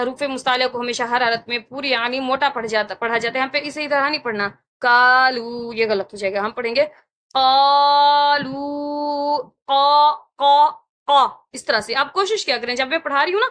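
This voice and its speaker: Female recitation teacher, bright and clear, patient drill-style demonstration of each sound. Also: sits high. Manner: slow, deliberate demonstration of sounds, repeating syllables; instructive, correcting common mistakes. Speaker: Quran tajweed teacher. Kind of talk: Quran recitation lesson.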